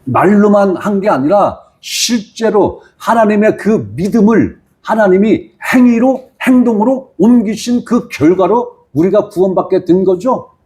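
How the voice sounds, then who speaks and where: A man preaching a sermon as pastor, reading scripture slowly and often asking the congregation questions. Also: expressive, darkish tone. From maternal family from the Jeolla region. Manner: asks the congregation questions and repeats phrases; reads scripture slowly and lower.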